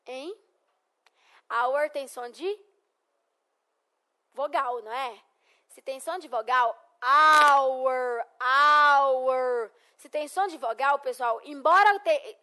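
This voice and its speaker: A young Brazilian woman with a Brazilian Portuguese accent gives a recorded English lesson in a high, bright, forceful voice. She's encouraging and repeats phrases slowly so students can echo them.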